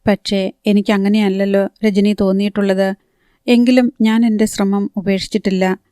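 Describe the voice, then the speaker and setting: A woman voicing a smug, persistent middle-aged man in a storybook read-aloud; smooth and dry. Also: mid-range voice, little pitch movement, moderate pace, mellow, no echo, natural voice.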